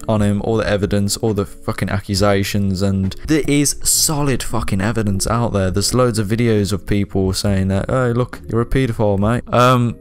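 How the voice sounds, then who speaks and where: A man's voice: lowish voice, clear, resonant tone. A man talking straight to camera in a casual commentary vlog, ranting bluntly and swearing often. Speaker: video creator.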